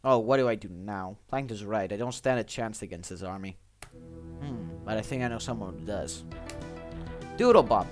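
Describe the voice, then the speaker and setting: A man acts out a plucky young cartoon game hero. He sounds earnest and determined, a touch high in pitch, over faint music. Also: a little fast, a bit bright, close to an everyday voice. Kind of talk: acted reading of cartoon game dialogue.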